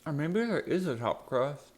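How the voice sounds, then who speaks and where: With a higher, sing-song voice at a moderate pace, this man hosts an eating show and talks to viewers between bites. His chat is casual and meandering, thoughts loosely linked as he chews.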